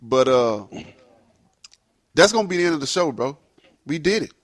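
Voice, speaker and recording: A man's voice: on the high side, very animated, normal speed, dry recording. A man hosting a casual online sports talk show, wrapping up with laid-back, slangy banter. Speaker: podcast host. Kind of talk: casual chat.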